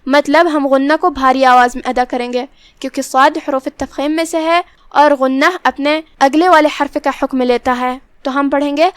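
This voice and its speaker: High-voiced woman teaching tajweed. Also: steady tone, no room sound. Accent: Pakistani Urdu. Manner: measured, instructive, stretches out recited words. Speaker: Quran recitation teacher. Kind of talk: tajweed lesson, explaining rules word by word.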